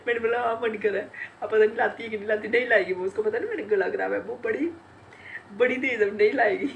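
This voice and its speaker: Fast and a little high with vocal fry, a middle-aged woman's cold-stuffed voice comes through a muffled recording with faint hiss. Congested and sore-throated, she still chats casually to camera, laughing frequently as she retells what her family said.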